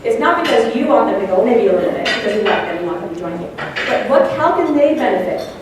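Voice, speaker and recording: A woman's voice: fairly high pitch, lively intonation, fast talker, background noise. A woman, a district officer, gives an enthusiastic speech to club presidents at a breakfast event and asks the audience questions. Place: large room at an event. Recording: echoey hall, voice from far off.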